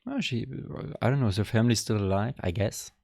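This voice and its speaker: A man's voice: on the low side, fast talker, creaky, darkish tone, no room sound, studio quality. A young man casually reacting to an album, thinking aloud in a rambling, hesitant way. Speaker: music reaction vlogger.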